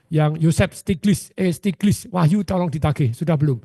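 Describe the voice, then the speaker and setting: Gravelly, animated seminar speaker. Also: male voice, on the high side, normal speed, dry recording, studio quality. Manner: animated, with frequent rhetorical questions to the audience. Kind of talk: motivational seminar talk.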